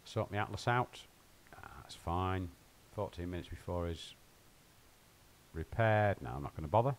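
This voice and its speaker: Streaming a game live from home, a man with a fairly low voice speaks at a moderate pace over slight background noise. He rambles and jokes with viewers while playing, drifting between the chat and the game.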